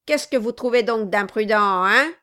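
A woman voicing a violent, mocking male dwarf who shouts harsh, taunting questions in an audiobook. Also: on the high side, a little slow, clear, resonant tone, pitched above the performer's own voice. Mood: menacing.

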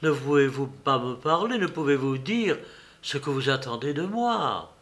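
A man's voice: mid-range voice, expressive, measured pace, a bit bright. A man voicing a devoted, frightened young woman engaged to be married in an audiobook, with earnest, imploring delivery. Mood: distraught.

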